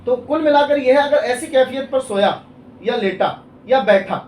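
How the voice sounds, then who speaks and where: A man who is an Islamic scholar, with an extremely high-pitched yet darkish voice, explains religious rules step by step in a question-and-answer talk, using worked examples and often checking that the listener follows. He is recorded from a distance in an echoey room with faint ambient noise.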